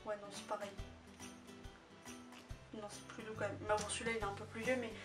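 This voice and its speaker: A woman in a casual, chatty product review, pausing often with hesitant fillers. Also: mid-range voice, little pitch movement. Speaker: beauty vlogger. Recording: distant mic with music behind.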